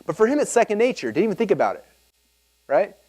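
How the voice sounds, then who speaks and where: A man speaks quickly to a room full of people at a seminar, piling up fillers and restarting his sentences as he goes. His voice sits a little high for a man. He tells his stories in a loose, animated way. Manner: rambling, animated storytelling with many fillers and restarts. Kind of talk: live seminar talk to an audience.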